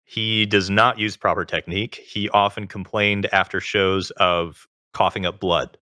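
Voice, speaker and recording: A man's voice: fairly low pitch, steady tone, measured pace, pushed and bright, no room sound, clean studio sound. A male guest in a casual interview, talkative and explaining things at length with plenty of filler words.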